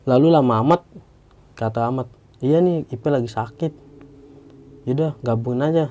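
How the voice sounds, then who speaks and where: A man's voice: mid-range voice, normal speed, mellow. A young man from Indonesia casually telling a true story, slangy, acting out the quoted voices.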